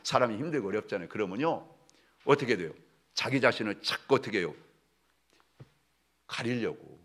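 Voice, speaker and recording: A man preaching a sermon as pastor, leading the congregation through readings and often calling out to them, swinging from loud exhortation to soft asides. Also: fairly low pitch, animated, normal speed. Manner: addresses the congregation often, leads group readings.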